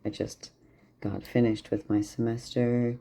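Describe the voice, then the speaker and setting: A tired young vlogger rambles candidly in a casual video diary, full of fillers, his mid-range voice flat, a little slow, warm, and edged with vocal fry. The camera is propped near a plant, and the audio is dull lo-fi camera sound.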